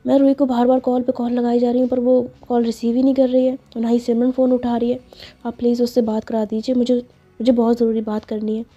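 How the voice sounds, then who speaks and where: A woman voicing an anxious young woman who stammers and rushes her words, on a dull lo-fi recording. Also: a little high, level tone, mellow, lightly acted.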